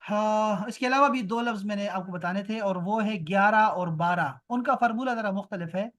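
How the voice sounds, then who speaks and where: A man teaching a language class online. He drills each word slowly and deliberately, repeating it several times. Between the drills he speeds up into brisk, offhand explanations, heard through a video call. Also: high voice, a bit bright. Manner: explains slowly, repeating words and switching to quick asides. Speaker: Arabic teacher.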